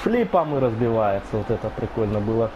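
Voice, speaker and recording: A man giving excitable wrestling commentary over video game play, exclaiming and repeating his phrases. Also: fairly low pitch, fairly quick. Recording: clear background game noise.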